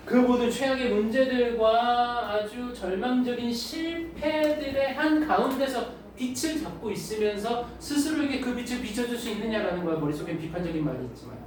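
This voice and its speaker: A male English teacher lecturing a class, reading English lines, explaining them in Korean and firing rhetorical questions at the students. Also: very high voice. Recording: echoey room, mic far off, faint noise.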